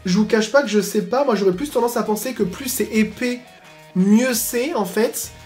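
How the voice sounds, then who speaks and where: A man hosting a casual makeup tutorial at home, talking in slangy asides and breaking into excited exclamations. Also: sits high, normal speed, soft background music. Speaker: beauty YouTuber.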